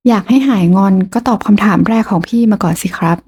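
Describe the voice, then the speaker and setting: A woman voicing a gentle, affectionate young man on the phone in a romance audiobook, speaking softly and slowly. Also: medium pitch, slightly rough, natural voice. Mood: coaxing. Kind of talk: audiobook character voice.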